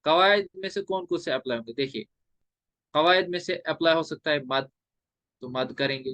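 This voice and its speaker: A male teacher explaining recitation rules step by step, drawing out letters in slow chanted examples. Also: fairly high pitch, a bit bright, dry recording. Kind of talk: classroom lecture on recitation rules.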